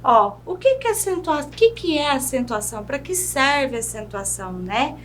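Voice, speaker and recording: A Brazilian woman teacher giving a video grammar lesson, drawing out example words slowly and checking in with her class. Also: sits high, expressive, slight background noise. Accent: Brazilian Portuguese. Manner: slow, drawn-out pronunciation of example words; checks in with "né?" and "certo?".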